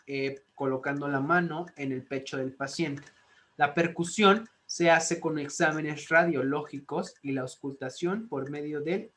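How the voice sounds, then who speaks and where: A fairly high-voiced man talks through a recorded slide lecture for nursing students. He explains patiently, goes over each key point again and keeps tagging his sentences with a questioning "ok?". A faint hiss sits under the recording. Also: fairly bright tone. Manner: explanatory, repeats points, frequent "¿ok?" checks. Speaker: nursing instructor.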